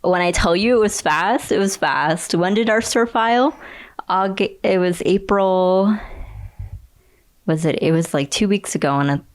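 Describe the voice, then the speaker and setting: A young woman, a barista and union organizer, telling her story as a guest in a casual interview, animated and laughing often. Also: mid-range voice, unhurried. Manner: animated, laughs often, acts out quoted remarks.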